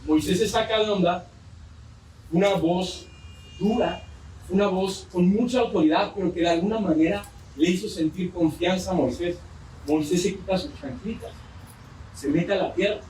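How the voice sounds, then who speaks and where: A man's voice: high-pitched, moderate pace, a little mellow, slight background noise. A man with a Mexican accent preaching a sermon, telling a story with joking asides. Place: church. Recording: roomy church hall from far off.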